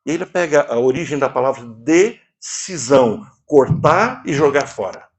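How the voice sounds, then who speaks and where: A man from Brazil preaching a sermon, moving from low quiet asides to high emphatic lines. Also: very animated, moderate pace. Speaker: preacher and therapist.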